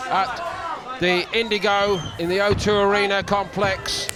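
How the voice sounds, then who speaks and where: High-voiced male fight commentator, loud crowd. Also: lively intonation, measured pace. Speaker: lead sports commentator. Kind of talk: live combat sport commentary. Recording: loud music and crowd noise behind. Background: arena crowd and loud music.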